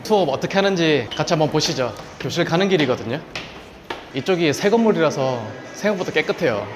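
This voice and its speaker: A man's voice: fairly high pitch, lively intonation, racing, music in the background. A man from South Korea, a native Korean speaker, narrating a vlog and chatting with students in a friendly way. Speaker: vlogger visiting a campus. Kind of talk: casual vlog narration and interviews.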